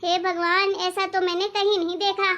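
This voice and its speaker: A woman doing a sharp-tongued, meddling sister. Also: extremely high pitch, level tone, normal speed, highs cut off. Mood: taunting. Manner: taunting, complaining. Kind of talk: cartoon story voice acting.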